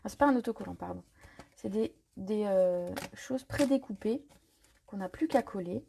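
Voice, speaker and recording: A woman's voice: mid-range voice, normal speed, vocal fry, a little hiss or hum. A woman hosting a live paper-craft tutorial, talking casually and improvising as she works, with plenty of fillers and self-corrections. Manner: chatty and relaxed, many fillers and self-corrections.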